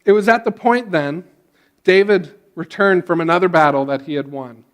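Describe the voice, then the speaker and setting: A male pastor retelling a story in a casual sermon, with frequent restarts and a relaxed way of talking. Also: sits high, normal speed.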